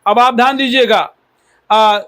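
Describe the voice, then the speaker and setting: A man's voice: very high-pitched, fairly even intonation, unhurried, pushed and bright. A man from India preaching a sermon as pastor, exhorting the listeners and repeating key words for emphasis.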